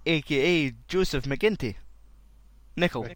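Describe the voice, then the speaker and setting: A man's voice: a little high, animated, unhurried, no room sound. A man hosting a casual chat, loose and rambling. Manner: loose and rambling, laughs a lot. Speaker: podcast host.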